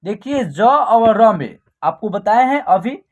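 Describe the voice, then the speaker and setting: A woman's voice: medium pitch, very animated, slow, a little mellow, dull audio. A woman teaching an online reading lesson, patiently explaining and drawing out each syllable as she pronounces example words. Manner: patient, repeats "ठीक है ना", draws out sounds when pronouncing.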